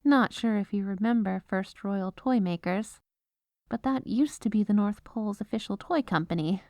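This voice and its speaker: In a scripted comedic audio roleplay, a woman plays Santa's exasperated but dutiful head legal advisor at the North Pole, explaining things in a businesslike way. Her mid-range voice has a dark tone and a moderate pace, recorded in clean studio quality with no room sound, close to an everyday voice.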